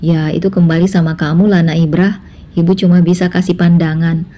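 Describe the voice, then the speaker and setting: A woman's voice: lowish voice, level tone, brisk, mellow, slight background noise, natural voice. A woman voicing a scheming middle-aged mother who coaxes and insinuates in a spoken drama story. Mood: insinuating.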